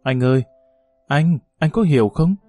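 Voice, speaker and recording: A man's voice: a little high, moderate pace, warm tone, no echo, faint music behind, natural voice. A man reading the part of a passionate young village woman, pleading and intimate in a story.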